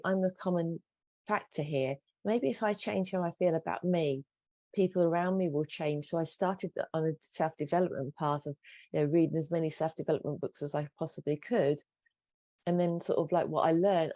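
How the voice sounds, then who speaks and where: A woman's voice: low voice, steady tone, fairly quick, warm tone, no room sound. A middle-aged woman, a coach telling her personal story candidly and earnestly in an interview. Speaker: guest coach.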